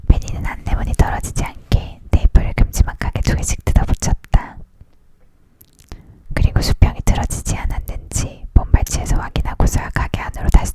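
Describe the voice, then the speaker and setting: A person leaning in to whisper a storybook aloud as a whispered ASMR reading, entirely unvoiced. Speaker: audiobook reader.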